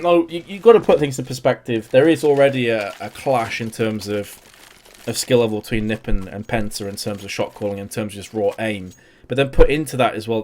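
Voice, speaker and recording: A young esports caster delivers live play-by-play commentary on a match, his energy rising and falling with the action. His voice is lowish and a little mellow.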